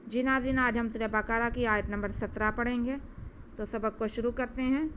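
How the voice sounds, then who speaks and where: Bright-voiced woman teaching recitation. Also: a little high, steady tone, a little hiss or hum. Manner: gentle, patient, quick explanations. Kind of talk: step-by-step recitation lesson.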